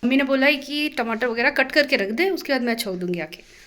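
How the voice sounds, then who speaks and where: A young woman chats playfully to the camera in a casual home vlog, giggling through a drying face mask. Her voice is high-pitched, animated and fairly bright, and she talks a little fast.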